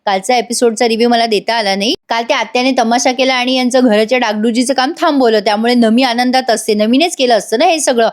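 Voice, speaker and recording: A woman's voice: a little high, fast, few pauses. A woman giving a chatty voice-over recap of a TV serial episode, speaking straight to her listeners. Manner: chatty, addresses listeners directly. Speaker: TV serial reviewer. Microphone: studio voice-over.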